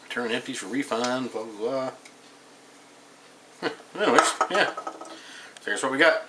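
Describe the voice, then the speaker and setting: Seated at a table in a small room at home, a man in his thirties gives a casual, rambling beer review, recorded on the camera's mic. Offhand in manner, he reads the label aloud. His medium-pitched voice is expressive at a moderate pace, over a noisy background.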